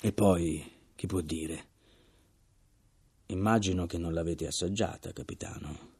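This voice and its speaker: A man's voice: sits low, steady tone, unhurried, darkish tone, slightly rough, exaggerated voice. A man reading an audiobook voices a gaunt, deathly ill first mate who speaks solemnly in a hollow voice and breaks into agitated questions. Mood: insistent.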